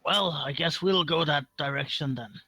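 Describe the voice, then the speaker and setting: A man voicing a bold, commanding party leader who speaks loudly and confidently in character. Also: on the high side, moderate pace, no echo, soft background music. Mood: rallying. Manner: loud and rallying, confident.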